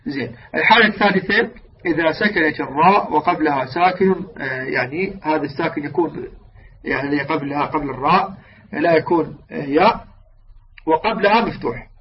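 A man teaching the rules of Quran recitation, stretching example words out slowly and asking his listeners questions he answers himself. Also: on the high side, breathy edge. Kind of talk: religious lesson on recitation rules. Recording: distant, dull lo-fi mic with faint noise.

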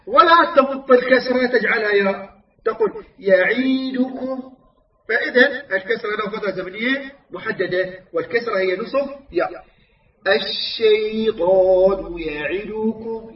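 Guy teaching quran recitation, high voice, drawn out chanted examples, sounds far off and muffled. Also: lively intonation. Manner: explains errors then models recitation, drawn-out chanted examples. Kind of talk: tajweed lesson with recited examples. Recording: echoey, distant, muffled recording.

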